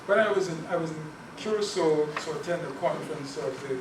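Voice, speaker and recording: The speaker, a man from Guyana invited to talk about Caribbean languages, has a slightly high voice and a brisk delivery. Earnest in both lecture and Q&A, he tends to repeat words as he thinks. Expect echo, distance and background noise in the audio.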